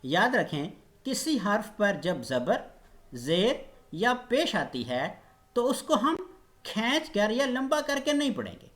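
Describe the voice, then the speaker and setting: A man's voice: on the high side, a bit bright. A man teaching an online Quran recitation lesson, patiently demonstrating each letter's sound.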